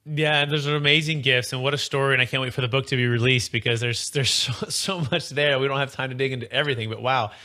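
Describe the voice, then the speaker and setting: A male interview host puts an earnest, faith-minded question to his guest. He talks fast with a bright, forward tone and middling pitch. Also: fairly even intonation.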